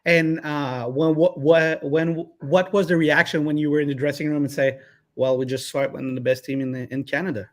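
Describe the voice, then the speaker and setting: A man hosting a live online interview, halting with many fillers and restarts. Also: fairly high pitch, fairly even intonation. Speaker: interviewer host.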